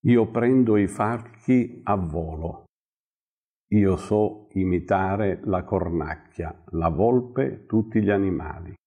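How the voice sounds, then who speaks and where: A proud, defiant young shepherd boy, read by a man in a storybook. The voice stays deep and unhurried, husky and mellow. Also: heavily acted. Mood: boastful. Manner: boastful, defiant. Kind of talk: storybook reading.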